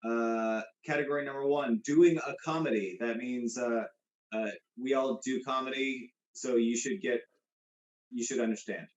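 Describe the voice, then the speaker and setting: Casual male quiz host, halting and rambly, in an echoey room. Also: mid-range voice, steady tone, highs cut off. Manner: rambling, many fillers and restarts. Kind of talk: casual comedy game show chat. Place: room with a guest beside him.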